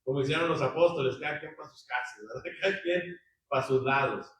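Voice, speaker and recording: Speaking briskly in a medium-pitched, fairly bright voice, a man teaches a Bible study. He reads passages of scripture, quizzes his listeners conversationally and keeps tacking on tag questions. The room echoes and he is picked up from a distance.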